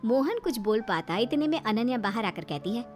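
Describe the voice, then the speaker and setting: A woman tells a cartoon story in a high, very lively voice. Her delivery is expressive and sing-song, with faint music underneath. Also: brisk. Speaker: narrator. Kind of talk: storytelling narration.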